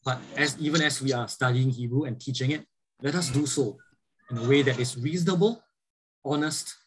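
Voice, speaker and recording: Over slight background noise, a medium-pitched man talks a little fast while teaching the Bible in a church lecture with slides. He's earnest, asks rhetorical questions of his audience, leans on fillers, and often starts sentences over.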